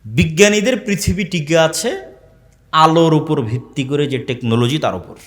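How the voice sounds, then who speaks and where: A man's voice: a little high, normal speed. A man preaching a sermon to a live audience, asking the crowd questions and repeating key phrases. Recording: long hall reverb.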